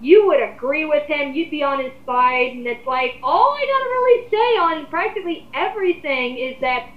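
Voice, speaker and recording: A woman in her 20s hosts and leads a casual group chat, offering blunt, rambling, emphatic opinions as commentary. Her voice is high and animated at a moderate pace, and the recording sounds roomy with the highs cut off.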